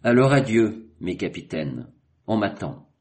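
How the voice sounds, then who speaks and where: A bold, commanding ship captain, put on by a male reader, delivering emphatic declarations in a raised voice. It is a storybook voice, pitched a little higher than the narrator's own. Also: big pitch swings, a little slow, darkish tone. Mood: solemn.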